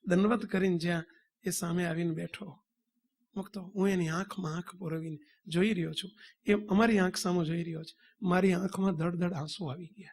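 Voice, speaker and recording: A man with a high voice and a Gujarati accent delivers a sermon to devotees. He tells a story and acts out the lines of the people in it, calling out to his listeners as he goes. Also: fairly even intonation, brisk, darkish tone. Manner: addresses devotees, acts out dialogue. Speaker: swami preacher.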